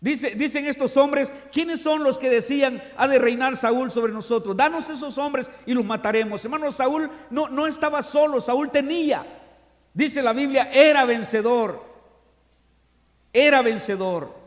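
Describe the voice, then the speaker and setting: A man with a high, ringing voice leads a church sermon, reading scripture aloud and turning to his congregation. He swings from loud, rousing proclamations to hushed, confiding asides. His words carry a long, lingering reverb through a large church hall. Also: a little slow. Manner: reads scripture aloud and addresses the congregation directly. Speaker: pastor. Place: church during an evening service.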